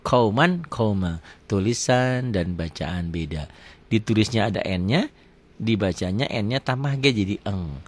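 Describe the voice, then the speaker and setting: Man teaching recitation, drawn-out examples. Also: on the low side, lively intonation. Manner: asks questions then answers them himself, drawls out example words slowly. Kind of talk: tajwid lesson with question and answer.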